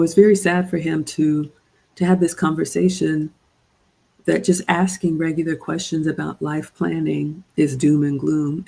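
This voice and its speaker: A middle-aged woman from Ghana hosts a livestream as a relationship coach, lecturing her female viewers in an earnest, preachy way. Her voice is dark and gravelly, with a fairly flat, even delivery. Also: low-pitched, low-quality recording. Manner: earnest, preachy, addresses "ladies" directly. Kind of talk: livestream commentary with viewer shout-outs.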